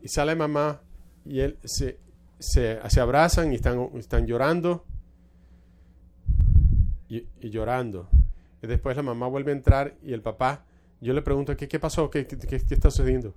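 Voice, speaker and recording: A man's voice: mid-range voice, moderate pace, a little mellow. A male pastor preaching a sermon, telling a church story with frequent restarts and repeated words.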